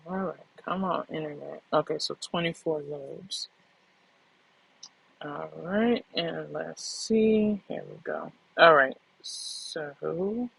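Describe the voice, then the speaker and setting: A woman's voice: low-pitched, slow pace, vocal fry, a bit bright, breathy edge, rough recording. A woman hosting a trucking channel, chatting casually to viewers in a loose, rambling way and correcting herself as she goes. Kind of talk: casual vlog chat to viewers.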